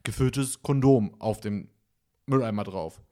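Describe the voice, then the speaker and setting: Animated man telling stories. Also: on the low side, a little slow. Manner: animated storytelling, acts out dialogue. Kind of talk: casual podcast chat.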